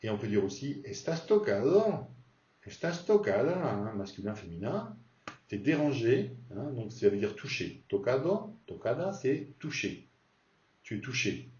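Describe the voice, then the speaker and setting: A man teaching a casual beginner's language lesson, slowly repeating example words and explaining them patiently. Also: mid-range voice, sing-song, a little mellow. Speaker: Spanish teacher. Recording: distant echoey dull recording.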